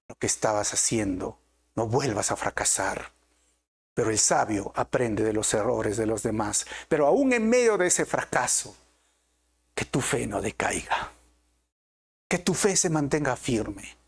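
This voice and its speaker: A man's voice: medium pitch, breathy edge. A middle-aged man preaching a sermon as pastor, earnest with rising and falling emphasis.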